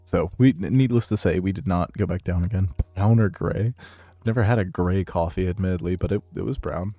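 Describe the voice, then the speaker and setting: A low-pitched man chatting casually to his stream audience, rambling and joking through a story, sometimes dropping into hushed asides. The sound is dry and close, with faint music underneath. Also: fairly quick, no room sound. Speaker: podcast host and streamer. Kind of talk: casual chat with live chat.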